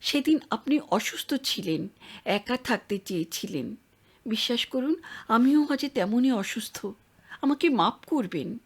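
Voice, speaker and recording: A woman's voice: a little high, lively intonation, measured pace, slightly rough, full character voice. A woman voicing a reserved young woman in an audio story, answering curtly and defensively. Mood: weary. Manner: defensive, curt replies.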